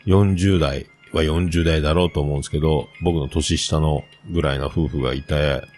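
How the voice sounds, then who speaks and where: A man's voice: rumbling low, fairly even intonation, normal speed, darkish tone, a little hiss or hum. A man in his forties, a podcast host rambling through a funny travel anecdote with lots of fillers. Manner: rambling, self-amused anecdote with many fillers. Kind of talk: casual storytelling monologue.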